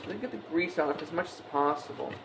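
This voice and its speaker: A young man presents a joking cooking tutorial from his home kitchen, his voice slightly high and his pace quick. He speaks offhandedly and playfully to the camera while working. Background noise comes through the camera mic of the wide-angle camera on the counter.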